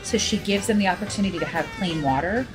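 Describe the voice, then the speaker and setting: A woman speaking in casual conversation, talking in a relaxed way with filler words. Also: mid-range voice, quick pace, music in the background, rough recording.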